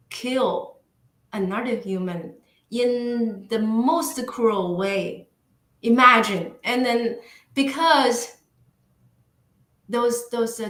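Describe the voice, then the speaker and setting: A woman from northeastern China with a Chinese accent chats casually as a guest in an interview, her soft voice on the high side. She's goofy and laughs often, with lots of fillers and restarts, and the microphone recording is rough and reverberant.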